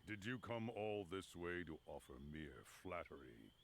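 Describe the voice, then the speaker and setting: Very deep, gravelly old mentor. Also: male voice, very animated, a little hiss or hum, heavily acted. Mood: stern. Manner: slow, solemn, formal. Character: wise, grave old male beast master and mentor.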